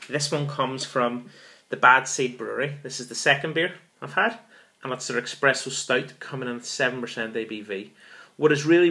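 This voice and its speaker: Medium in pitch with a sharp tone, this man in his thirties hosts a beer review vlog from a small room, facing a camera in front of him. His delivery is casual and eager, full of repeated words and frequent references to viewers as folks.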